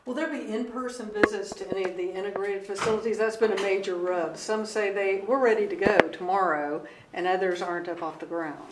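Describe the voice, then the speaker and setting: Quick woman reporter in an echoey room. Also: medium pitch, fairly even intonation. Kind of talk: press questioning. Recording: echoey, noisy room, off the main microphone.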